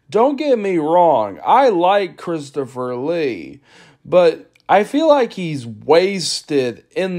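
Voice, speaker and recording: A man's voice: a little high, a little mellow. A young man reviewing a film in a casual, blunt, complaining way.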